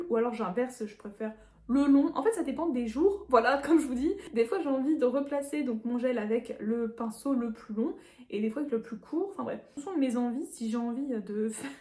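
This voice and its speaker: A woman's voice: high voice, dark tone. A woman chatting casually through a product unboxing, rambling with fillers and little laughs. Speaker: nail artist reviewing products. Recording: echoey room.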